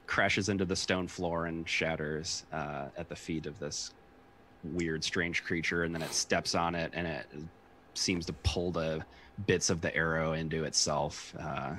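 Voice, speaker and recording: A man acting as game master, explaining rules and narrating the action in a casual, halting way. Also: very deep voice, steady tone, fairly bright tone, a little hiss or hum.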